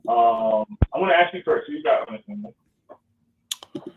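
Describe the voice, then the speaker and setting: A man's voice: sits high, huge pitch swings, unhurried, creaky, slight background noise. Echoey distant man on a phone-like line. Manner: loose, rambling, many ums. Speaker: podcast host. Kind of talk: casual sports talk.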